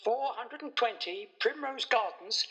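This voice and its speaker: A woman's voice: a little high, lively intonation, a little slow, a bit bright, slightly rough, highs cut off, heavily acted. A woman voicing a bossy female car computer that speaks in clipped, repeated announcements. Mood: announcing. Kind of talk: storybook voice acting.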